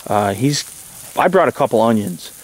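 A man's voice: mid-range voice, normal speed. Rambling man camping outdoors in snow. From Michigan, USA. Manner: relaxed, rambling, many ums and uhs. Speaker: outdoor vlogger. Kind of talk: casual camping vlog. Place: snowy woods outdoors, under a tarp shelter.

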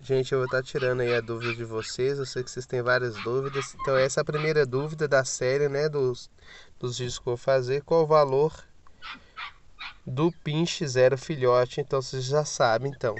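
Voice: medium pitch, big pitch swings, normal speed. A pet vlogger with a Brazilian Portuguese accent, chatting casually to viewers from inside a car and cooing at the puppies now and then. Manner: chatty, repeats itself, coos at the puppies. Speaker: pet video host. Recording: loud background noise of crying puppies. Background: whimpering puppies.

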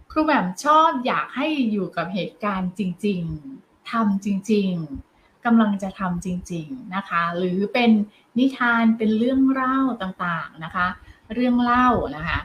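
A woman teaching parents how to help their children speak, in a gentle, encouraging way that ends her phrases with polite particles. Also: mid-range voice, slight background noise, poor audio. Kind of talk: parenting advice lesson.

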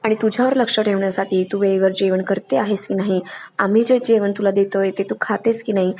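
A woman's voice: medium pitch, steady tone, brisk, mellow, natural voice. A woman voicing a self-assured young daughter-in-law who speaks firmly and matter-of-factly. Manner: firm, matter-of-fact.

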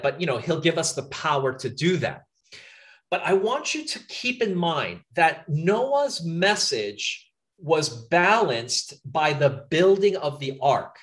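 Animated, emphatic male preacher. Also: on the high side. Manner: earnest, repeats phrases for emphasis, asks listeners to think. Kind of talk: sermon. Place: outdoor camp meeting.

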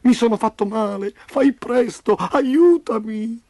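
A man's voice: very high-pitched, slow pace, a little mellow, no room sound, clean studio sound, pitched above the performer's own voice, heavily acted. A man reading a storybook, voicing a young tough boy who is hurt and crying, pleading urgently for help.

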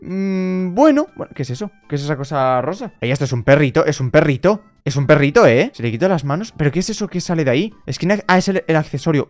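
A young man from Spain with a Spanish accent, giving casual gameplay commentary as a content creator, excitable and repeating words over and over. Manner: excitable, repeats words rapidly, bursts into high-pitched shouts.

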